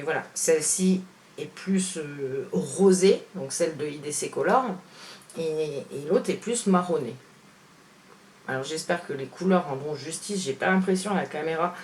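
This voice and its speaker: A woman beauty vlogger comparing makeup on camera, chatting frankly with viewers and filling pauses with fillers. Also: low-pitched, darkish tone, a little hiss or hum. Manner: chatty, hesitant, full of "voilà" and "hein" fillers; frank, opinionated. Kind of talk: casual product comparison vlog.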